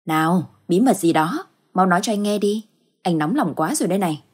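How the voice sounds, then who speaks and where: Woman reading an eager, cheerful young husband, husky low voice, ghost story audiobook. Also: lively intonation, brisk. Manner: eager, warm.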